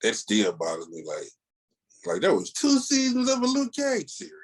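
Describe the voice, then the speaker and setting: His high voice swoops wildly in pitch, slightly rough, at a normal speed. The man co-hosts a comics podcast, giving emphatic, slangy, meandering opinions in a relaxed review chat.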